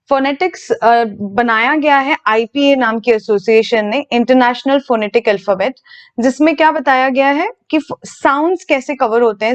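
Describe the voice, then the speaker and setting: A woman from India teaching an English phonetics video lesson, explaining patiently step by step and asking the viewer questions. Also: sits high.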